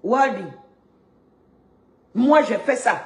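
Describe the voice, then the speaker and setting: A woman's voice: a little high, animated, extremely slow. A woman from Gabon delivering a heated, indignant rant, repeating words when she gets stuck. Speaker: activist vlogger. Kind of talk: heated ranting monologue. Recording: echoey room.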